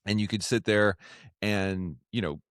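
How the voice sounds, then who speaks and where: A man's voice: on the low side, measured pace, fairly bright tone, smooth, dry recording, clean studio sound. A man hosting a casual chat with an old friend, joking and teasing as he talks. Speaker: podcast host.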